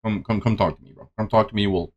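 A man's voice: fairly low pitch, fairly even intonation, fast, lo-fi sound. A man in his thirties giving casual, teasing reaction commentary with chuckles, recorded indoors in a streaming room. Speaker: reaction video host.

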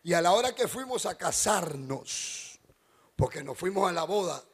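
A middle-aged man, a pastor preaching a joking wedding sermon as an animated storyteller who bursts into shouts. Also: sits high, normal speed, husky. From Ecuador.

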